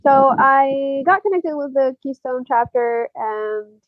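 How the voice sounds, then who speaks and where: A young woman from Algeria, a podcast guest, talks in a casual, hesitant way with many fillers and soft laughs. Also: high-pitched, takes it slowly, dry recording, narrow, tinny audio, faint music behind. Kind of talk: casual interview chat.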